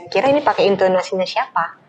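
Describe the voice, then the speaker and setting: A woman's voice: medium pitch, lively intonation, very fast, darkish tone, dull audio. A woman guest on a health talk show, explaining things at length with many fillers and acting out the remarks people make.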